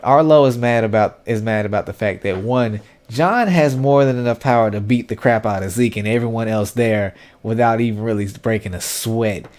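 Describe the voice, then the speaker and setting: A man's voice: on the low side, normal speed, few pauses, darkish tone. Casual opinionated man recapping a comic. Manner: conversational and opinionated, heavy on fillers and slang like "y'all" and "dude". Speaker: webtoon recap host.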